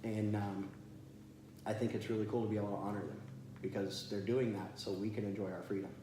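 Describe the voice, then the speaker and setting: A military veteran being interviewed, telling stories in a chatty, good-humored way. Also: male voice, lowish voice, little pitch movement, brisk. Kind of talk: casual storytelling in an interview. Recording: very echoey room with faint noise.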